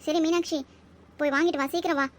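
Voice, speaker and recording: A woman voicing an impatient old grandmother in a Tamil cartoon who scolds loudly. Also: sits high, fairly even intonation, fast, close to an everyday voice. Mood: scolding. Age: older.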